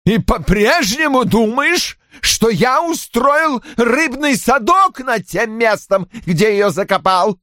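A man voicing a furious, bitter middle-aged man who bellows slow, sarcastic lines in an audiobook. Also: very high-pitched, animated, sharp tone, no echo, studio quality, voice pushed up, heavily acted. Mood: sarcastic rage. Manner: sarcastic, drawn-out roaring. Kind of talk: audiobook character voice.

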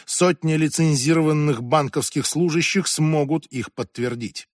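A man reads an audiobook, voicing a strict, imperious former senator in her eighties who lectures in a commanding, impatient manner. The voice heard is a woman's, low-pitched and a little mellow, pushed up yet close to an everyday voice, at normal speed. It's studio quality with no room sound.

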